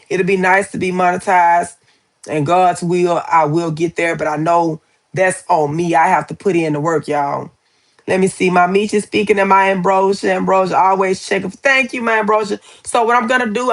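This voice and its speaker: A woman's voice: fairly low pitch, gravelly. A woman in her forties chatting casually on a live stream, talking to viewers as y'all and baby and reading their comments aloud. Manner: reads viewer comments aloud and answers them.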